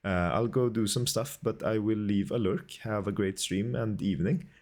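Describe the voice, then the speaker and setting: A man's voice: lowish voice, moderate pace, a little mellow. A man streaming a game, chatting politely with viewers and thanking them, with a stuffy nose and a cough. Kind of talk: casual gaming commentary.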